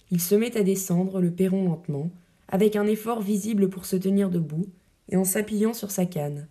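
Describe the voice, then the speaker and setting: A woman narrating an audiobook, reading a play's stage directions in a measured, even way. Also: medium pitch.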